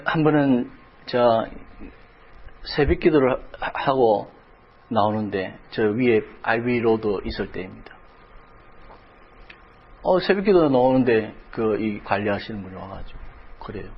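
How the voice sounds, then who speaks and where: A man's voice: mid-range voice, slightly rough, muffled recording. A middle-aged male pastor preaching a sermon, telling a personal story with emotion that rises toward crying out in prayer. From South Korea.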